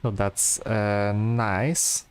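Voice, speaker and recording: A man giving relaxed, rambling gameplay commentary, full of fillers and restarts. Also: lowish voice, very slow, clean tone. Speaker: gameplay streamer.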